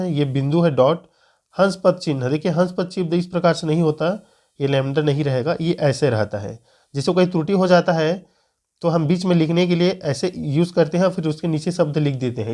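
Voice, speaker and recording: A man's voice: a little high, darkish tone. A man teaching Hindi grammar for an exam, explaining patiently and repeating key points. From Chhattisgarh, India. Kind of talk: screen-recorded lesson.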